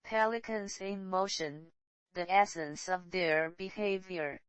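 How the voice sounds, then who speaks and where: A woman's voice: lowish voice, fairly even intonation, slow, no echo, muffled recording. A woman announcing section titles in scripted nature documentary narration.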